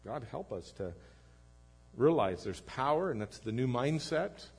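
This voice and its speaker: A man preaching a sermon as pastor, earnest, swinging between emphatic lines and low, quiet ones. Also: big pitch swings, a little slow, vocal fry, husky, soft background music. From United States.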